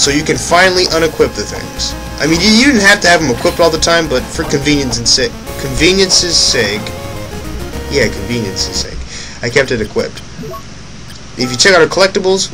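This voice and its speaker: Over loud game music, a young let's play commentator talks through his gameplay in a rambling, offhand way, often fixing what he says mid-sentence. His voice is a little high, and the recording quality is low.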